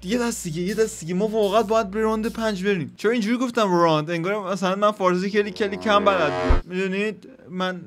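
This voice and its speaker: A man's voice: sits high, few pauses, fairly bright tone, slight background noise. A man commentating a dice game he is playing, counting rolls aloud and swearing or cheering at the results. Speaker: gaming YouTuber. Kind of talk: casual let's-play commentary. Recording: game music behind voice.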